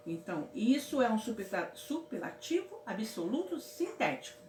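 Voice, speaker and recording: A woman from Brazil teaching a casual grammar lesson in a fairly high voice. She keeps checking in with her students in an affectionate way. The room is echoey, with a faint hum of ambience behind her. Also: big pitch swings, normal speed, darkish tone. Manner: affectionate, repeats "certo, meus amores?".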